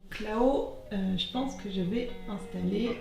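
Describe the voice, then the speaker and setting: A young woman vlogging in casual chat at home while arranging her bookshelf, chatty and slangy, meandering with many pauses. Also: mid-range voice, gravelly, dark tone, soft background music. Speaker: book vlogger. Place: her apartment, next to a bookshelf.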